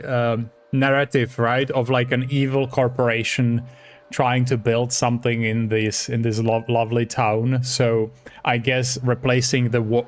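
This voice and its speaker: A man from the Czech Republic, speaking English with a Czech accent as a chatty, playful streamer who often laughs while commenting on his gameplay. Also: medium pitch.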